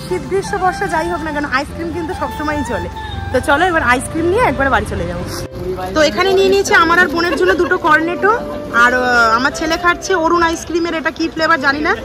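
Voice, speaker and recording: A woman's voice: extremely high pitch, expressive, rapid-fire, a crowd in the background. A woman in her thirties, a mother chatting casually to her viewers while vlogging on a phone, first out walking on a street and then at home. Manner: chatty, addresses viewers directly. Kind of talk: casual vlog narration to viewers. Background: background music.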